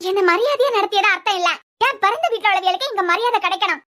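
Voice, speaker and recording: Woman voicing a shrill defiant young wife. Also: fast talker, pushed and bright. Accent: Kanyakumari Tamil. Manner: reproachful, lecturing, defiant. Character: young wife, proud, fiercely defends her family. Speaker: cartoon character. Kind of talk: cartoon web series dialogue.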